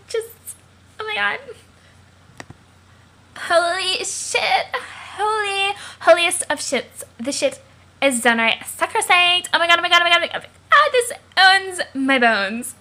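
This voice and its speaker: A woman's voice: on the high side, animated, normal speed, sharp tone. Woman playing a crude, gushing teen hacker girl. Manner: crude, gushing, slang-heavy. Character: slangy excitable teenage girl hacker. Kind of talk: webcomic reading aloud.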